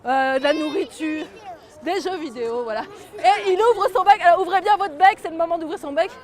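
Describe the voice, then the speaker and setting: High-voiced woman telling a tale outdoors. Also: a little fast, some chatter behind. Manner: lively, gets the audience to join in. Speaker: storyteller. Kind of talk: telling a folk tale to children.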